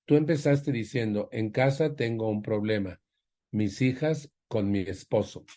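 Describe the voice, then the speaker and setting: A man's voice: unhurried, mellow. A man speaking at a support group, counseling a woman with a personal story and acting out his family's lines. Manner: acts out quoted family members with raised pitch. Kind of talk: storytelling counsel to an audience member.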